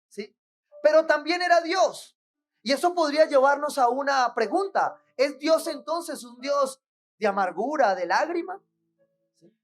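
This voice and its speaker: A woman preaching a sermon in church, asking rhetorical questions and checking in with the congregation. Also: sits high.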